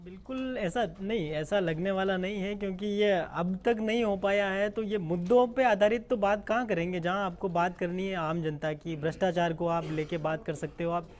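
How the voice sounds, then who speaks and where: A male debate guest with a high voice. He sounds skeptical throughout and challenges the other speakers directly. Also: moderate pace, hardly any pauses, darkish tone. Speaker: panel guest. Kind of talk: televised debate argument.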